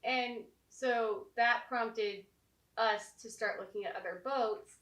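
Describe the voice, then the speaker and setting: A woman vlogging casually at home, talking in halting, restarting phrases with a slight lisp from new teeth aligners. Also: a little high, fairly even intonation, fairly bright tone. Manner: halting, frustrated, many restarts. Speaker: vlogger, co-host of a sailing channel. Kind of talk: casual chat to camera. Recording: echoey room, distant mic, faint music.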